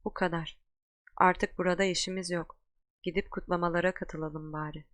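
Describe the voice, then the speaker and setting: A woman voicing an old, calm, wise male wizard headmaster in an audiobook, unhurried and gently wry. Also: fairly low pitch, close to an everyday voice. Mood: resigned.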